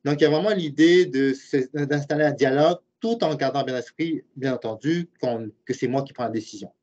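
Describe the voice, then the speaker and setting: A man in his late forties speaks briskly in a mid-range, slightly mellow voice with a Québécois French accent. As a university professor and program director taking webinar questions, he lays out his views earnestly, thinking aloud along the way. The audio is a muffled, lo-fi web call.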